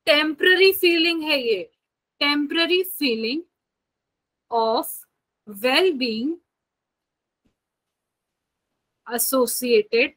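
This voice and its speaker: A young Indian woman teaching biology in an online class, chatting through explanations and slowly dictating English definitions word by word. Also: high voice, pushed and bright, poor audio.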